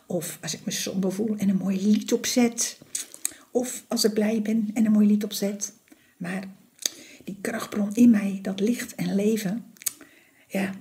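Soft-spoken woman giving a slow devotional. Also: medium pitch, steady tone. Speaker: devotional speaker. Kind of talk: morning devotional talk.

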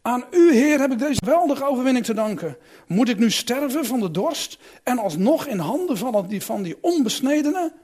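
A man's voice: high voice, big pitch swings, normal speed, a little mellow. A man reading a Bible passage aloud, voicing Samson as a proud, vengeful strongman in a raised, declaiming voice. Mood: pleading.

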